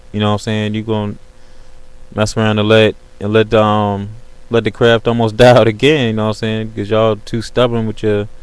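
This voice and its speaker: Hosting an online video call, a smooth, low-voiced man chats casually and slangily over poor audio. His tone holds fairly flat and steady, punctuated again and again by "you know what I'm saying."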